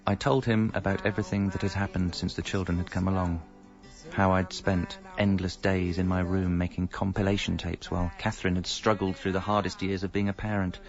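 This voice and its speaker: In a radio comedy, an actor voices a middle-aged British married man who narrates and leads the story, wryly and articulately confessing his double life with self-mockery. His voice sits low with little pitch movement and a brisk pace. The lo-fi recording sounds dull, with faint music behind.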